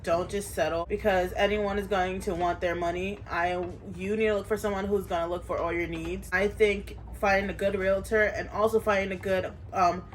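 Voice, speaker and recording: A woman from the Bronx, New York, co-hosting a casual Q&A chat, agreeable and quick to laugh. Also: mid-range voice, fairly even intonation, slight background noise. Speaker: co-host.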